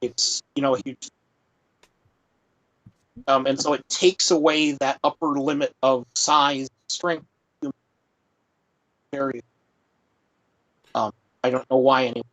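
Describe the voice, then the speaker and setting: A man's voice: medium pitch, little pitch movement, slow pace, long pauses, a bit bright, poor audio. A man talking earnestly over a remote call whose audio keeps cutting out and turning choppy, with plenty of ums. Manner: earnest, emphatic, many ums. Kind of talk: casual explanatory chat. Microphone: remote call line.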